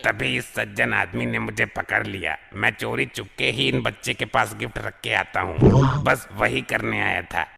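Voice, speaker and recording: A man voicing a gravelly old Santa figure in a comedy cartoon, put-upon and pleading in exasperation. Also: fairly low pitch, moderate pace, full character voice. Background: loud background music.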